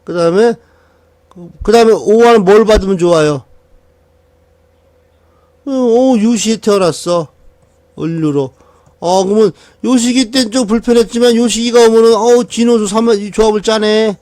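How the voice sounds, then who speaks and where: A man's voice: high-pitched, normal speed, pauses often, a little mellow. A man teaching a class how to read a birth chart. He keeps asking questions and answering them himself, with chuckles between points. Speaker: saju fortune-telling teacher.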